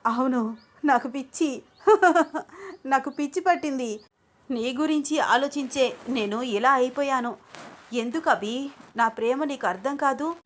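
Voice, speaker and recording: A woman voicing an obsessive, jealous young woman who pleads in a shrill, tearful voice. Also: unhurried, slight background noise. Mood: unhinged. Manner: shrill, tearful, desperate begging.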